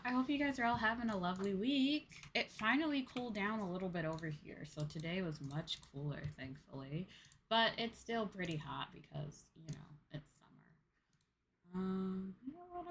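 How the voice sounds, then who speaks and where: Chatting with viewers as she plays, a woman livestreamer and host keeps things casual, informal and rambling, often repeating herself. Her voice is medium in pitch. A little hiss or hum is audible.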